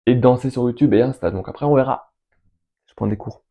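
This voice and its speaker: A young man chatting casually as host, answering questions in an enthusiastic, rambling way and listing names between pauses. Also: mid-range voice, dull audio. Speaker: fan video host answering viewer questions. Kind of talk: casual chat.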